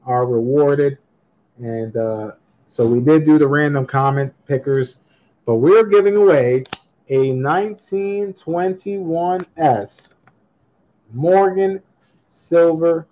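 Slow, mellow livestream coin auction host. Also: male voice, mid-range voice. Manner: upbeat, reads chat comments aloud and laughs often. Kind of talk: casual livestream chat. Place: indoor room at a table with coins, voice off camera. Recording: slightly dull lo-fi webcam audio.

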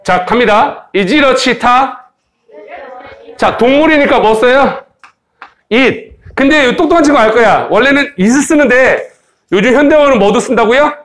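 A man teaching an English grammar lesson in Korean, playful and joking with students, slowly modeling English phrases for them to repeat. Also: very high-pitched, expressive, a bit bright. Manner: playful, joking, teasing students, sound effects. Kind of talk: lively recorded grammar lecture.

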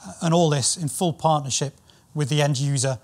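British man explaining, slightly high voice. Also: brisk. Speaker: company training specialist and former military pilot. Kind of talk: explainer presentation to camera.

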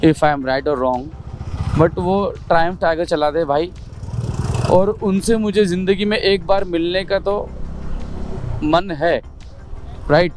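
A man's voice: high-pitched, slow, long pauses, a little mellow, a little hiss or hum. A young man talking casually to camera as a motovlogger, explaining his points one by one with rhetorical questions. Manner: explains in numbered points, mixing English words; chatty, asks rhetorical questions.

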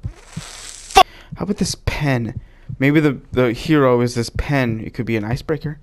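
A man giving comedic gameplay commentary, excitable, bantering as a mock doctor and yelping and shouting at mishaps. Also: medium pitch, normal speed. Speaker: gaming video creator.

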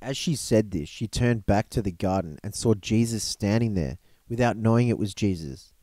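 A man reads a story aloud at an unhurried pace, now and then stumbling and restarting a phrase. His voice is mellow and warm. The recording is close and dry, with no room sound. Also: lowish voice, dry recording. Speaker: reader of a storybook gospel. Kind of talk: reading a book aloud.

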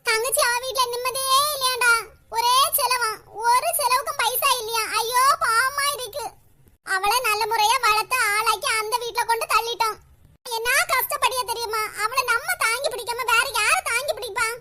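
Woman voicing a scheming old mother-in-law, whining, shrill high voice, Kanyakumari Tamil accent, cartoon, hissy recording. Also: steady tone, normal speed. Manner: whining, martyr-like.

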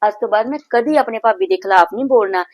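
A woman's voice: mid-range voice, quick pace, no room sound, natural voice. A woman playing a hot-tempered married daughter who resents her brother's wife, speaking with a Punjabi accent in a short film. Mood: remorseful musing. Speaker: the daughter of the house.

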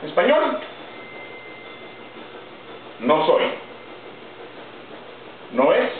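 Guy teaching english grammar, slow and careful, far off in an echoey room on tinny phone-like audio. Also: a little high, huge pitch swings. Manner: slow, deliberate, spells out examples word by word. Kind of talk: grammar lesson in Spanish. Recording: roomy, distant, phone-like audio with faint noise.

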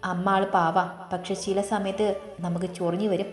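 A woman's voice: fairly low pitch, level tone, moderate pace, close to an everyday voice. A woman doing a chatty young student sister. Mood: friendly. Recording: roomy, faint background music.

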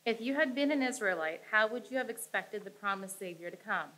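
A woman reading an Advent passage aloud in church in a plain, even way. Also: medium pitch, brisk, low-quality recording. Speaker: Advent reader. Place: church sanctuary stage.

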